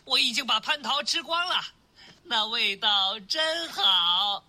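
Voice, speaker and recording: A brash, mischievous monkey king, voiced by a woman in a storybook, loud and cocky. The voice sits fairly high and bright, and it bursts out with pushy confidence. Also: lively intonation, slow pace, exaggerated voice. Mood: brash indignant.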